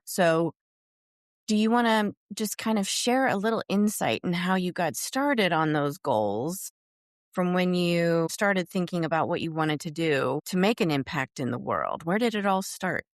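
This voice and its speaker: A middle-aged woman hosts a podcast interview in a soft, reflective, encouraging manner. Her voice is a little lower than most women's. The sound is close and dry, without any echo. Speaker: podcast host. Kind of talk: interview conversation.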